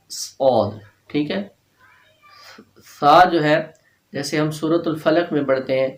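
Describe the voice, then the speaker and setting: A man teaching a tajweed lesson, patiently repeating each letter slowly and chanting verses in drawn-out recitation. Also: a little high, roomy sound.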